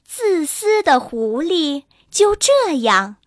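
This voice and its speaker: A woman telling a children's bedtime story in a slow, expressive, sing-song way. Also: sits high. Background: soft music.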